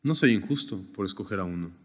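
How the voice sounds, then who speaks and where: A man preaching a sermon, swinging from raised emphatic lines to quiet, hushed ones. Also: fast, husky. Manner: animated preaching, rising high then dropping to a near hush. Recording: long hall reverb.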